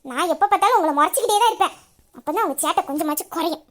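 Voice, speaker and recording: Woman voicing a bashful young wife, very high voice, quick giggly retorts, fast talk, romantic audio drama. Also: fairly bright tone. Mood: protesting. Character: shy, sharp-tongued young wife, playfully stubborn.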